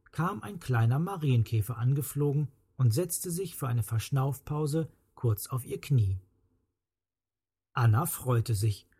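Slow, lively children's storyteller. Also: mid-range voice, slightly rough. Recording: faint music behind.

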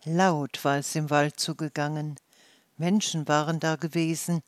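A calm storyteller reading a fairy tale aloud at an unhurried, deliberate pace. The telling is measured and even, recorded close and dry with no room sound. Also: mid-range voice, dry recording. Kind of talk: slow read-aloud fairy tale narration.

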